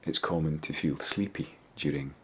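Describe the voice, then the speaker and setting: In a gentle, measured manner, a man with an extremely low, slightly husky voice leads a guided body scan meditation. He leaves pauses between his short phrases.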